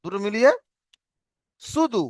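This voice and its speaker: A man teaching an Arabic reading lesson, slowly drilling letters and syllables in call and response. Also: high-pitched, sing-song, no room sound, studio quality.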